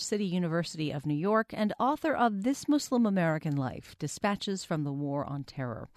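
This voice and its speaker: A radio talk show host with a measured, composed delivery, introducing a guest and asking questions. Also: female voice, on the low side, a little mellow, dry recording, studio quality. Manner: measured, reads promos smoothly. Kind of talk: public radio interview.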